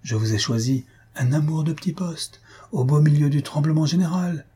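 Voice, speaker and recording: A man reading aloud and voicing a sly male army sergeant who talks in a mocking, confidential way, with a husky voice. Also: a little high, normal speed, warm tone, voice pushed up. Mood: teasing.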